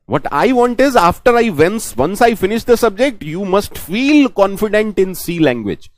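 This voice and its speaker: Lecturing online about programming, a native Hindi speaker with an Indian English accent repeats himself and supplies answers for his students. He talks at a moderate pace in a high voice with big swings in pitch.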